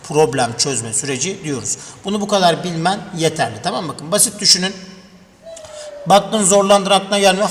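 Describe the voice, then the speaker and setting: A man's voice: a little high, a bit bright. A male teacher giving an exam review lesson, talking to children and asking and answering his own questions. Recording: echoey room with long reverb, faint noise.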